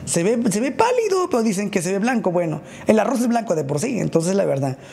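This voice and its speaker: A man's voice: high-pitched, big pitch swings, fast, gravelly, warm tone, slightly rough. A Mexican man livestreaming casually, greeting viewers in crude slang and ranting combatively. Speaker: livestreamer and baker. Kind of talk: casual live stream chat greeting viewers.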